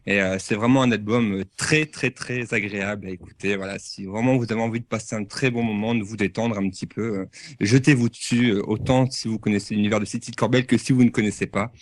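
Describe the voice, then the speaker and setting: Halting man giving an album review. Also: fairly low pitch, steady tone. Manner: halting, filler-heavy. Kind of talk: casual review.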